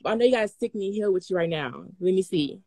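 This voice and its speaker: A woman calling in as an excited fan, gushing and bubbly, piling on "like" as she talks fast over the phone. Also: medium pitch. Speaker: fan caller on live stream. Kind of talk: excited casual chat.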